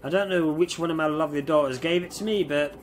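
Talking fast in a slightly high, nasal voice, a man in his thirties with a head cold gives casual commentary on his game. He swears at the creatures on screen, and his headset mic picks up slight background noise along with his stuffy-nosed speech.

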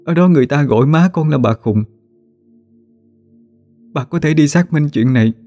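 A frightened young peasant woman pleads and stammers in a raised, soft-edged voice, as a male storyteller puts her on. The tone stays mellow and dark under the higher pitch. She sounds close to tears throughout, as if in an old folk tale. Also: normal speed, faint music behind, close to an everyday voice. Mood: pleading.

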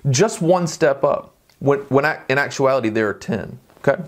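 A man preaching a sermon, teaching in a conversational way, often checking in with the listeners and reading scripture aloud quickly. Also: mid-range voice, animated.

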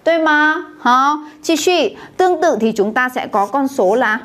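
A woman with a fairly high voice leads a beginners' language lesson. She checks in with the class through frequent questions and has them say each word back to her. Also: lively intonation, a little slow, fairly bright tone. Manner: calls on the class to repeat aloud, checks with questions. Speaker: Chinese teacher.

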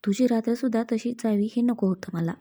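Woman reading young husband, calm, self-assured, steady, reassuring, mellow. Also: on the high side, a little fast, natural voice.

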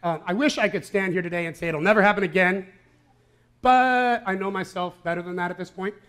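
A man's voice: high voice, a little fast, a bit bright, clear, resonant tone. A male pastor giving a conversational sermon with an Upper Midwest American accent, often checking in with "right?" and "okay?". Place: church sanctuary.

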